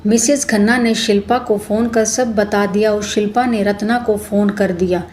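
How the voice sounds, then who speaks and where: Woman reading a family story aloud, steady, mid-pitch voice. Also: normal speed, slight background noise. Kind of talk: scripted story narration.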